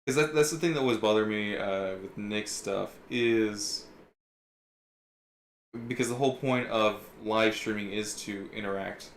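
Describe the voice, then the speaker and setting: A man's voice: on the low side, unhurried, roomy sound, a little hiss or hum. A man streaming live while sculpting, chatting casually and swearing offhandedly. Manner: laid-back, swears casually.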